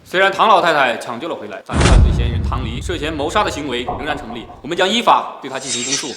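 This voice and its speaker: An actor playing a stern police officer speaking in a formal, official way in a short drama. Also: male voice, medium pitch, expressive, quick pace, roomy sound, big-room sound, loud music behind the voice, close to an everyday voice.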